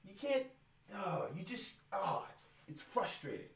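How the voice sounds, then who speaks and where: A man's voice: high voice, very animated, measured pace, recorded from a distance. A young man going on a profane, exasperated rant about wrestling in a casual vlog. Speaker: rapper venting about wrestling. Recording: roomy echo, away from the mic.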